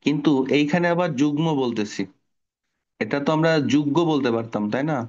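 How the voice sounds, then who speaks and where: A man's voice: on the high side, expressive, brisk, dull audio. A middle-aged man teaching an online spelling class to children, explaining patiently and asking the class questions.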